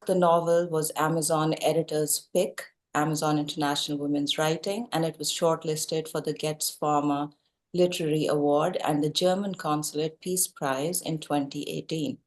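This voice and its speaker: Pakistani-accented woman hosting, slightly low voice. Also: fairly even intonation, moderate pace. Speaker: talk show host. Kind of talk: interview with scripted guest introduction.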